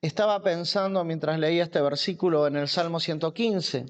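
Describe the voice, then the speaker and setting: A man's voice: on the high side, normal speed. A man preaching a sermon at a church camp, emphatic and repeating key phrases.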